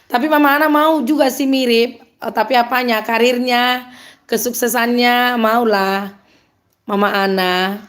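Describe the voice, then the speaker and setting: A woman with a Medan accent and a slightly high voice hosts a live stream. She reads viewer comments aloud and answers them in an upbeat, chatty way, laughing often. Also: fairly even intonation, slow pace, long pauses, a bit bright. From Medan, North Sumatra.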